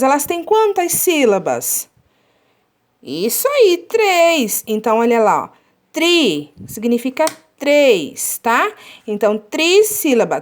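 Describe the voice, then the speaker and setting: Woman, teacher, high voice, children's lesson, slow, stretched-out words. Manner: slow, drawn-out syllable counting; checks with "tá?" often.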